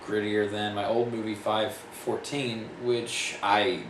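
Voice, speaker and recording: Low-voiced man rambling in an echoey room. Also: level tone, slow. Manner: rambling, self-correcting, plain-spoken. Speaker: independent filmmaker. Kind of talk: casual vlog update. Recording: echoey room mic from a distance with noise.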